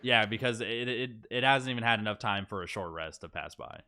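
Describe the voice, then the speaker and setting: A man narrating as dungeon master in a tabletop game, halting and full of fillers and restarts as he describes the scene. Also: lowish voice, pushed and bright.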